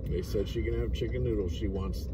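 A woman's voice: rumbling low, steady tone, fairly quick. A woman chatting casually and giving plain answers as a caregiver to a passenger. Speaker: caregiver driving the vlogger home. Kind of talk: casual chat. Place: inside a car. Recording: distant voice, loud car noise.

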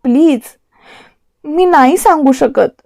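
A woman's voice: sits high, slow pace, creaky, darkish tone, dry recording, clean studio sound, pitched above the performer's own voice, full character voice. A woman reading as a pleading young wife. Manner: pleading, evasive. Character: young wife, evasive and tearful.

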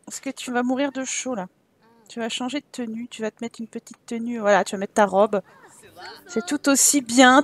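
A young woman chatting casually as she plays a life-simulation game, teasing her characters with quick exclamations. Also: high-pitched. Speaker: let's play host. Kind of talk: casual gameplay commentary.

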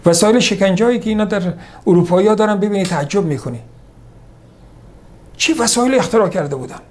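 A man giving a religious lesson on hadith, reciting Arabic quotations slowly, then explaining them in a conversational lecturing way. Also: high voice, animated, a little mellow. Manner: conversational lecturing, repeats points. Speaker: religious teacher. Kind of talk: sermon on hadith.

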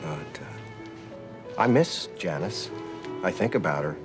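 A remorseful middle-aged father of five who stumbles over his words,. His voice sits on the low side, and music plays clearly in the background. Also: animated. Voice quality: halting, hesitant. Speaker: dinner date.

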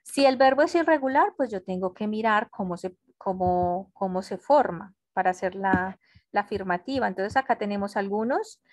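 A woman teaching an English grammar class online, explaining rules slowly and patiently and checking that students follow. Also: mid-range voice, expressive, darkish tone, no echo. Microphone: computer mic on a video call.

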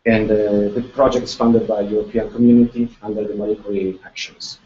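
An Italian man, presenting as a guest researcher, lectures with an accent in an echoey room with a projector screen, pausing, restarting and repeating words while gesturing. His voice is low-leaning and warm with little pitch movement, and the far room camera leaves the recording distant and dull.

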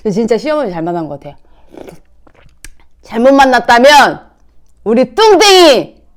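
A woman's voice: a little high, sing-song, moderate pace. A woman hosting an eating show, chatting casually to viewers with playful, self-teasing asides. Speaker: mukbang host.

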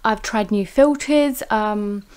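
A woman's voice: mid-range voice, slow, a little mellow, smooth. A woman in her thirties chatting casually to a handheld camera in her living room, rambling with lots of fillers. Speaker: home vlogger. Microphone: handheld camera at arm's length.

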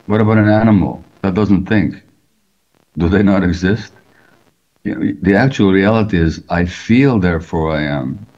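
An older man who grew up in Hungary, a physician answering interview questions over a video call in a measured, explanatory way, often posing rhetorical questions. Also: low-pitched, a little mellow. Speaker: physician and author. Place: indoor room at home. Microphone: video call webcam. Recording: dull lo-fi video call audio.

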